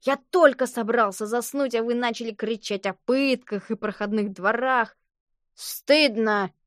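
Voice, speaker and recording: Woman doing a half-asleep grumpy guy yelling at kids, grumbly, dry. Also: fairly high pitch, a little slow, no echo, close to an everyday voice. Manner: scolding, grumbling. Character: sleepy grumpy man woken at a window.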